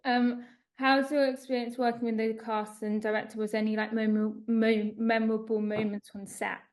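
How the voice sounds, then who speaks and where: Chatty higher-pitched woman interviewer. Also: little pitch movement, moderate pace, darkish tone. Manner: chatty, informal, stumbles over words. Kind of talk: casual interview questions.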